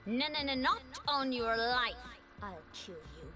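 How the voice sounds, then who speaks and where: A short-tempered, haughty young mistress in an anime game. Her high voice leaps around as she snaps bluntly. Music runs clearly underneath. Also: very animated, measured pace. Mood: indignant. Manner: blunt, snappish. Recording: music behind the voice.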